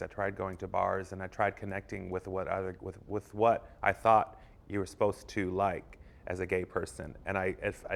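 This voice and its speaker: A man in a documentary interview speaks haltingly, restarting his sentences as he thinks. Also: deep voice, creaky, fairly bright tone.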